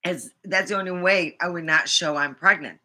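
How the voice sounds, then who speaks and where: Female vlogger, middle-aged, American. Slightly low but forceful tone, casual, rambling, sweary delivery. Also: moderate pace. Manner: rambling, blunt, profane. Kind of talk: casual chat to camera.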